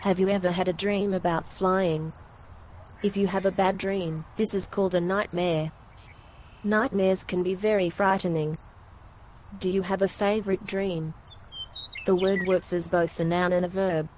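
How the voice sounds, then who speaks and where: A woman with an Australian accent reading an English vocabulary lesson in a clear, careful way. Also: lowish voice, steady tone, a little slow, darkish tone, a little hiss or hum. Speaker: English teacher.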